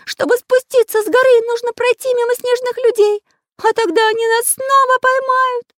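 A woman's voice: little pitch movement, normal speed, a bit bright, no echo. A woman voicing a boyish, anxious male magic pencil artist in an audiobook, crying out shrilly. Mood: alarmed. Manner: shrill, panicky cries. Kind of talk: audiobook role reading.

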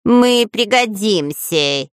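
A woman voicing a sly, lying male spy in a nasal, drawn-out whiny voice for a storybook. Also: mid-range voice, expressive, clear, resonant tone, no room sound, clean studio sound, voice pushed up.

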